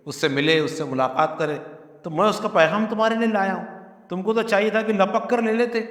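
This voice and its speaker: Male preacher, high voice, earnest, rhetorical, in a reverberant hall. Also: a bit bright. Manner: earnest, rhetorical questions, emphatic. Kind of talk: Quranic commentary sermon. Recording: echoey hall.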